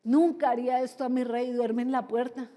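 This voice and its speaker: Lady playing a humble loyal soldier guy, earnest and sweet, highish voice, long echo. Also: fairly even intonation, moderate pace, warm tone, natural voice. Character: loyal honest male soldier, devoted to his king. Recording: long reverb of a big hall.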